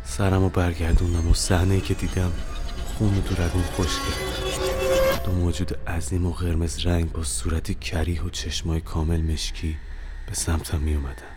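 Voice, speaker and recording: Young man, very deep low voice, first-person horror narration, dramatic, tense. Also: flat delivery, music in the background. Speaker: narrator and author.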